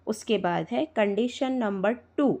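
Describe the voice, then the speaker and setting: A woman teaching Quran recitation rules to students, patiently repeating points, spelling out letters slowly and checking often that they follow. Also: medium pitch, darkish tone. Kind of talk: live tajweed lesson to students.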